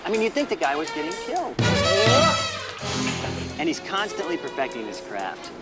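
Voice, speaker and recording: A man's voice: a little high, huge pitch swings, normal speed. An actor playing an eager, boastful young stuntman sidekick in a TV drama, chatting and bragging. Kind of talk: 1980s TV action drama dialogue. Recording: TV soundtrack with loud music.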